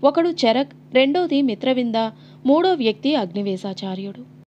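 High-voiced woman reading a novel dramatically. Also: normal speed, highs cut off. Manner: dramatic, expressive storytelling. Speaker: audiobook narrator.

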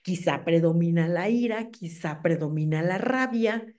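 A middle-aged woman with a Mexican accent, giving an animated talk to a group of mothers and checking in with them as she goes. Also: lowish voice, a little slow. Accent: Mexican Spanish. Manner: animated, asks the audience "¿ok?".

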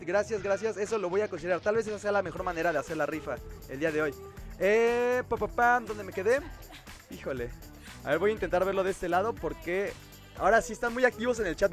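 Livestream host, male, Mexican accent, high voice, chatty and friendly with viewers, soft music underneath. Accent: Mexican Spanish. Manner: chatty, reads viewer comments aloud and replies. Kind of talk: casual livestream chat.

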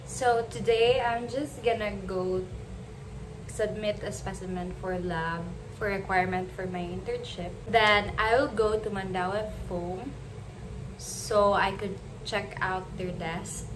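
Chatty young woman, slow and easy. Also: medium pitch, fairly even intonation, background noise. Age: 20s. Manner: chatty, laughs easily, soft-spoken asides. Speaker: vlogger. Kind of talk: casual vlog narration. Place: small apartment room, indoors. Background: background music.

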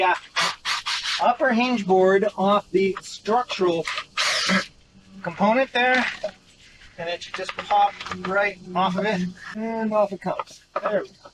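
High-voiced man narrating boat repairs. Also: background noise. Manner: upbeat, explains each step while working. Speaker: boat-living vlogger. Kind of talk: casual how-to narration. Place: outdoors on a wooden boat in a marina. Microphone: wide-angle action camera nearby.

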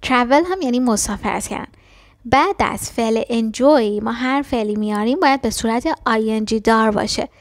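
A woman teaching a language lesson, explaining quickly and then repeating short phrases slowly and carefully. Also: on the high side, no echo, clean studio sound. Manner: switches between fast explanations and slow, careful repetitions. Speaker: English teacher.

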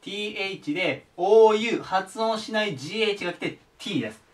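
A man's voice: high voice, lively intonation, brisk, far from the mic. A man teaching English verbs to students, patiently repeating each word form. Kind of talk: explaining English vocabulary to students.

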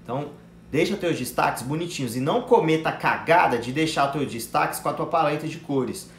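A man's voice: fairly high pitch, lively intonation, fairly quick, a bit bright. A young man with a Brazilian accent teaching a live class on online sales, blunt and slangy, swearing and calling viewers brother. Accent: Brazilian Portuguese. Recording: echoey room with faint ambient noise.

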